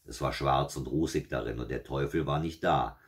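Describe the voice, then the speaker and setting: A man calmly reading a fairy tale aloud at an unhurried pace. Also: rumbling low. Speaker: storyteller.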